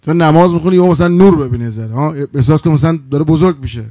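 A male preacher telling a religious story in a sermon. He moves between hushed passages and loud, emotional outbursts, and draws out chanted phrases. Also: a little high, dry recording. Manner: drawn-out chanted Arabic phrases.

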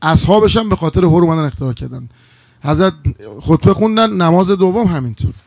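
A male preacher with a somewhat high, gravelly voice tells a religious story in a sermon. He drops to a hush and then rises into loud, emotional outbursts, and he draws out chanted phrases slowly. The sound is close and dry. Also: animated, dry recording. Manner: drawn-out chanted Arabic phrases.

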